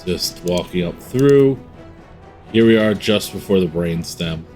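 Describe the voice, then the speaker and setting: Laid-back, slow-talking male game streamer. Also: low voice, lively intonation, a little mellow, soft background music. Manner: laid-back, chatty, greets viewers by name. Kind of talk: casual live-stream chat while gaming.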